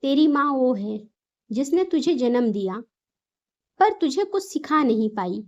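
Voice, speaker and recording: A woman voicing an angry, stubborn older mother-in-law in a spoken storybook, talking in a sharp, scolding, insistent way. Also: high voice, lively intonation, a little slow, muffled recording.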